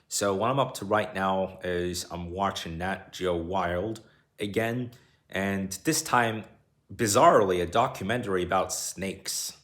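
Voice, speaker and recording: A man's voice: deep voice, fairly bright tone, no room sound. A young adult man vlogging in a rambling, casual way, narrating whatever is in front of him. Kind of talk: casual video diary chat. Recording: faint background ambient noise.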